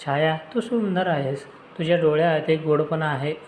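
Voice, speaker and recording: Man reads gentle young suitor in audio story, soft coaxing voice, fairly high pitch, roomy sound. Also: fairly even intonation, normal speed, slight background noise, close to an everyday voice. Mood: tender. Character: gentle young man, tender friend and photographer.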